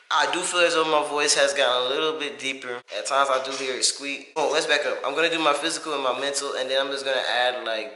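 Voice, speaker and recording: A vlogger with a medium-pitched, sharp-toned voice gives a casual, rambling personal update to camera, informal and self-reflective. It's recorded in an echoey room with faint hiss.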